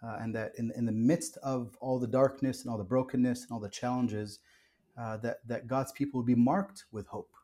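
A man's voice: mid-range voice, fairly even intonation, normal speed, warm tone. A man who was born in Kuwait and raised in the US, a pastor talking earnestly and reflectively in a podcast interview, with frequent restarts and fillers.

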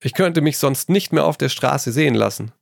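A man voicing an earnest, easily embarrassed young gentleman in a storybook reading. He speaks in a gravelly mid-range voice, quick and flustered, recorded dry and close. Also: mid-range voice, animated, no echo, voice pushed up.

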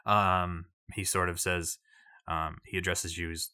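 A man running a tabletop game, his voice very low yet bright and sharp in tone. He narrates haltingly, full of fillers, recorded dry and close. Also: little pitch movement, clean tone, no room sound. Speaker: game master.

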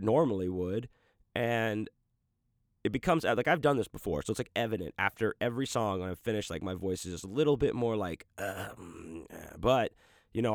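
A man with a lowish voice hosts a podcast, chatting loosely and rambling about his audiobook narration work, swearing freely and often restarting his sentences. The sound is clean studio audio with no room sound.

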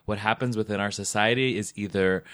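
A man chatting on a podcast in a playful, emphatic way, dropping sassy asides. His voice sits at an ordinary middle pitch. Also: steady tone, a little fast, a bit bright. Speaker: podcast co-host. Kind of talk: casual chat.

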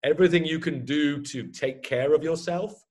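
A man in his fifties, an ultra runner chatting casually about his races, self-deprecating and quick to laugh. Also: a little high, darkish tone. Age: 50s. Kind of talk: casual chat.

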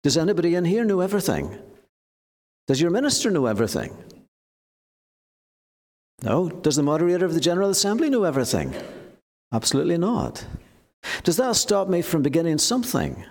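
A man preaching in an earnest, gently exhorting way, using rhetorical questions and repeated phrases as he addresses a church service. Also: on the high side, huge pitch swings, brisk, long pauses. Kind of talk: evening church sermon and closing prayer. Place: large reverberant church or hall. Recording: long hall reverb.

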